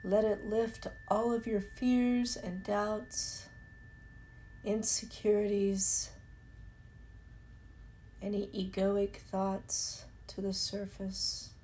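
A woman leading a guided meditation in a soothing, unhurried way, leaving long pauses between phrases. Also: medium pitch, little pitch movement. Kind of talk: slow guided meditation narration. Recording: echoey, loud ringing hum behind voice. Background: singing bowls and chimes.

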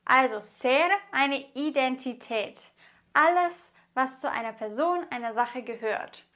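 A woman from Germany teaches a grammar lesson with a high voice. She speaks slowly and enunciates each word with care, like a patient teacher. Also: pushed and bright. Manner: slow, carefully enunciated explaining. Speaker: Spanish teacher.

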